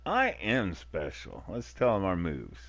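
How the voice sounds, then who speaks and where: A man's voice: sits low, huge pitch swings, a little slow, a bit bright. A man streaming a dating game, making casual jokey and mock-outraged comments.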